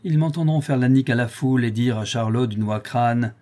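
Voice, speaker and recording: Un homme lisant à voix haute prête sa voix à un forçat endurci et fanfaron, à la bravade sauvage. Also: male voice, medium pitch, a little fast, dark tone, natural voice. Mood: mocking. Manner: swaggering, boastful. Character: boastful hardened male convict, savage bravado.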